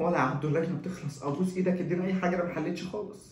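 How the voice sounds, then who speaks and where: A man voicing a desperate, sneaky male student who begs for answers in a hushed half-whisper, with an Egyptian Arabic accent. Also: on the high side, fairly even intonation, very fast, echoey room, noisy background, lightly acted. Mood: hushed pleading.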